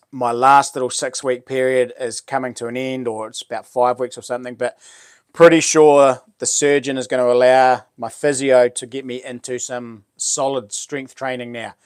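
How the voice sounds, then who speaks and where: A man's voice: medium pitch, smooth, no room sound. Man with a broad Kiwi accent, close-sounding. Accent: New Zealand. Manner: broad, laid-back Kiwi slang, matey address. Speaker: live stream host. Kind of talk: casual livestream chat, reading out comments.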